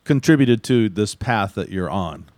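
A man's voice: lowish voice, lively intonation, a little slow, a little mellow, no echo. An American man talking casually as the host of a podcast.

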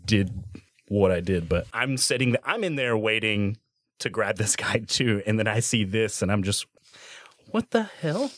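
A man playing a tabletop role-playing game, joking and speaking lively and exasperated in character. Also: lowish voice, normal speed, no room sound, clean studio sound. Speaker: player.

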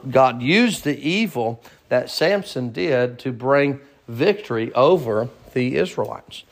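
A man in his thirties leading an informal Bible study, talking plainly and repeating phrases for emphasis. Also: mid-range voice. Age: 30s. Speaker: pastor.

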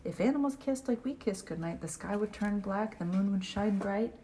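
A woman's voice: mid-range voice, animated, normal speed, warm tone, a little hiss or hum. A woman reading picture books aloud to a small child in a playful, sing-song way, dropping some refrains to a whisper.

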